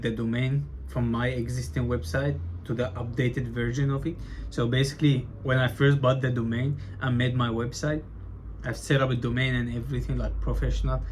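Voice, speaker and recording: A man's voice: medium pitch, slight background noise. A young man talking casually to his camera in a vlog, loose and rambling, often saying like and bro, with some stuttering. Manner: loose and chatty, says bro and like a lot, stutters. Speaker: vlogger documenting his business.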